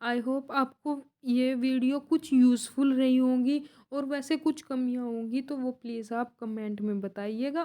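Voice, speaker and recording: A woman's voice: on the high side, warm tone. A young woman teaching an exam-prep grammar lesson, who asks a question and then answers it herself. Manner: slow, repeats points as questions and answers.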